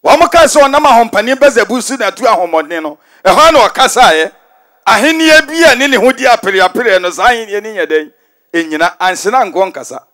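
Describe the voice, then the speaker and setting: Homme ghanéen qui prêche d'une voix aiguë. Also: male voice, sits high, lively intonation, moderate pace. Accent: Ghanaian. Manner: forceful, repetitive preaching, switches into English phrases. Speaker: prophet preaching. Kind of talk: sermon. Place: large stadium.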